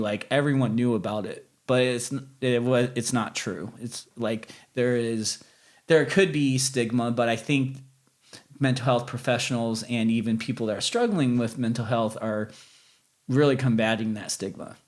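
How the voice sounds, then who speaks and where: A man's voice: medium pitch, fairly even intonation, moderate pace. A man speaking candidly and reflectively as a guest in a casual conversational interview.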